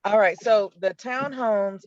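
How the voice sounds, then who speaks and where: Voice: mid-range voice, measured pace, dry recording, highs cut off. A community member asking pointed questions at a neighborhood meeting over a call connection that keeps breaking up. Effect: patchy call connection that breaks up.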